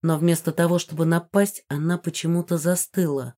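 A woman with a somewhat low voice narrates a first-person fantasy novel. Her reading is even and measured, in a calm storytelling manner. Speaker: audiobook narrator.

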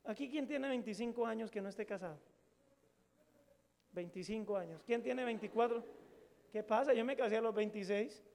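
A middle-aged pastor, preaching a sermon to a congregation in a colloquial, joking storytelling way and putting questions to the audience. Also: male voice, high-pitched, moderate pace, vocal fry, long pauses, darkish tone.

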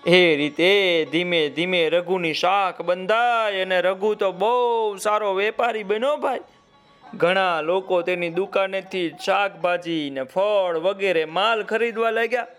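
A man's voice: high voice, a little slow, fairly bright tone, clear, resonant tone, faint music behind. A man narrating a children's story and addressing young listeners by name.

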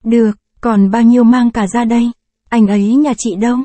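A woman's voice: fairly high pitch, fairly even intonation, moderate pace, warm tone, no room sound, natural voice. Woman reading as a brash lecherous soldier. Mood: flirting. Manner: brash, flirting and bullying. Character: swaggering lecherous male colonial soldier.

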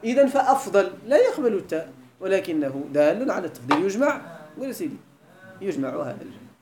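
Man, Moroccan accent, lively quick delivery, grammar lecture, echoey room. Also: high voice. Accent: Moroccan Arabic. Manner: quizzes students with repeated questions. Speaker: teacher of Arabic grammar. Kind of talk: classroom lecture. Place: lesson hall.

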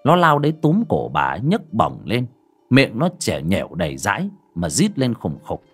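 A man's voice: lowish voice, huge pitch swings, normal speed, husky, soft background music. A man narrating an audiobook story in a dramatic manner. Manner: dramatic, varied delivery.

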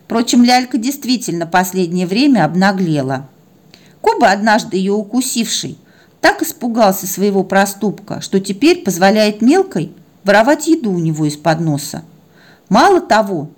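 A woman narrating a story in a wry, chatty way. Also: mid-range voice.

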